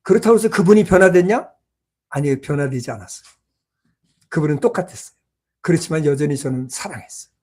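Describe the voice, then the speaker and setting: In a small church, a pastor tells a personal story during his sermon, swinging between loud exclamations and hushed asides. His voice sits at medium pitch and moves fast, broken by long pauses.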